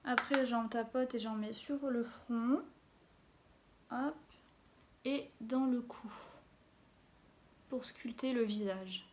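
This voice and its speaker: Slow and given to long pauses, this woman has a darkish voice on the high side, with slight background noise on her phone camera recording. As a beauty vlogger, she talks casually and chattily through her makeup, tossing in small interjections while working.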